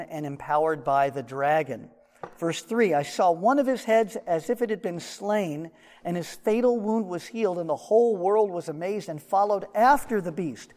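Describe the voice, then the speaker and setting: A man's voice: high voice, darkish tone, long reverb tail. A man teaching through a Bible passage in a conversational, explaining way, his voice muffled because it is recorded from his shirt pocket.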